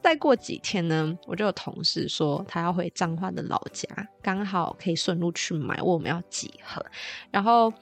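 Podcast host: young Taiwanese-accented woman, playful chatty storyteller, some vocal fry, faint music underneath. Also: on the low side, expressive, moderate pace. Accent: Taiwanese Mandarin. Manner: chatty, playful, exaggerated retelling.

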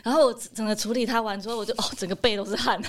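A woman's voice: on the high side, steady tone, rapid-fire. Giggly chatty woman co-host. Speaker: podcast co-host. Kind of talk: casual chat.

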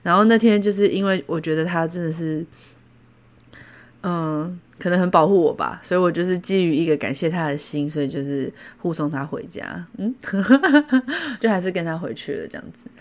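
A woman from Taiwan with a Taiwanese Mandarin accent, hosting a podcast and telling stories in a casual, animated way, laughing often. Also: lowish voice, moderate pace. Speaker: podcast host. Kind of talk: casual storytelling.

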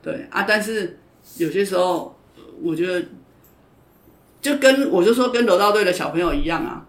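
A woman's voice: fairly low pitch, animated, moderate pace. Woman coach, blunt and emphatic, recorded in a roomy space. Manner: frank, emphatic, often repeats herself. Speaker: judo coach and podcast guest. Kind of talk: casual interview chat. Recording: roomy echo.

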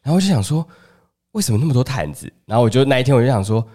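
A man with a Taiwanese Mandarin accent chats on a podcast at a brisk clip, mid-pitched. He tells stories about home life and slips into the voices of relatives as he goes. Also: expressive, dark tone. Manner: chatty storyteller who acts out family dialogue. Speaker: podcast co-host. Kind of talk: casual chat.

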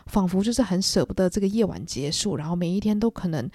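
Young woman retelling a novel on her podcast, chatty, mellow voice, dry close mic. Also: on the low side, lively intonation, fast, no room sound. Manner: chatty, acts out quotes. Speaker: podcast host. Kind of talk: casual book club retelling.

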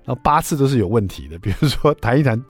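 Fast, animated radio host. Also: male voice, medium pitch, slightly rough, no echo, faint music behind. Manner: chatty, acts out dialogue with lively voices. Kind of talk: casual radio storytelling. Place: radio studio.

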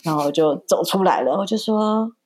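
A woman's voice: on the low side, animated, brisk, darkish tone. A woman from Taiwan, a mother and podcast guest, telling a family story in casual chat and acting out the voices of her child and herself.

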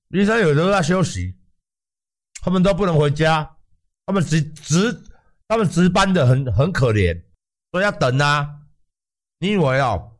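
Profane Taiwanese man ranting heatedly. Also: on the high side. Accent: Taiwanese Mandarin. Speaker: livestream host. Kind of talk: ranting livestream commentary.

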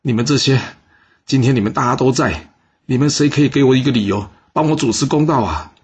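A man's voice: fairly quick, husky, natural voice. A man voicing an indignant, grieving widowed duchess who demands answers from the court, in an audio story. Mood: indignant, pleading. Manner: shrill pleading accusation.

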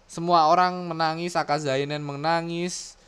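Excitable man with a smooth voice. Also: on the high side, normal speed. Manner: excitable, swears often, slips into dramatic readings. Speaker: podcast host. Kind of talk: casual chat reading comic panels aloud.

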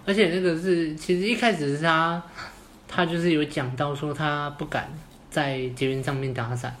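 A man's voice: a little high, steady tone, a bit bright, slight background noise. A man with a Taiwanese Mandarin accent, co-hosting a podcast and agreeing readily in a casual chat. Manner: quick, agreeable, lots of "yeah yeah". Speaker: podcast co-host, dating coach.

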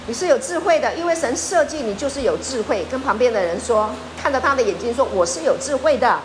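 A woman's voice: high-pitched, fast talker, background noise. A woman pastor preaching a sermon, often asking her listeners questions. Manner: lively, asks the congregation questions.

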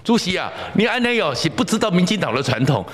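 A man's voice: sits high, very animated, fast talker, a bit bright, in a large hall, voice pushed up. A man voicing a blunt, scolding elderly male party elder in touches. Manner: scolding, repetitive, folksy.

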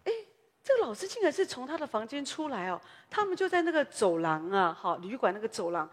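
A woman pastor preaches in a fairly high, husky voice. She tells stories in a chatty way, dropping little tag particles as she goes. Her voice rings out with a long reverb, as in a church hall. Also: very animated, brisk. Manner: conversational storytelling, frequent tag particles. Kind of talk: sermon.

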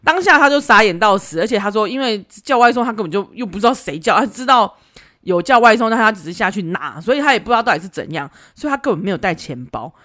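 Woman podcast host, chatty storyteller, very expressive pitch. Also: fast. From Taiwan. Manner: animated, laughs often while retelling. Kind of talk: casual storytelling.

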